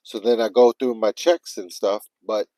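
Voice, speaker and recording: A man's voice: lowish voice, moderate pace, no echo, rough recording. A man telling a story casually on a livestream, swearing often and acting out his own panicked self-talk. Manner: animated, profane, retelling with quoted self-talk. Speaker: livestream vlogger.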